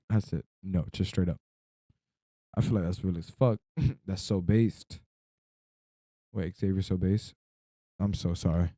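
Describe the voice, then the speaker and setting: This young man speaks slowly with frequent pauses, his deep, very dark voice relaxed and heavy with sleepiness as he rambles through a personal story. The talk is full of slang and loose swearing. It sounds close-miked and dry, with no room sound.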